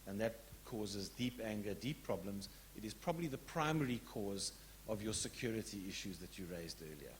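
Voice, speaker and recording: A man in the audience of a public lecture, making an earnest, frank statement and putting a question with some halting restarts. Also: lowish voice, expressive, slight background noise. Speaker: audience member asking a question.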